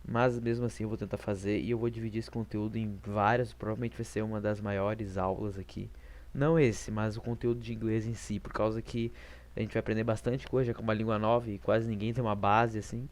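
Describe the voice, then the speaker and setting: A man's voice: fairly low pitch, little pitch movement, brisk, a little mellow. A man, giving a casual online lesson in an informal, self-deprecating way with frequent restarts. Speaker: English teacher on video.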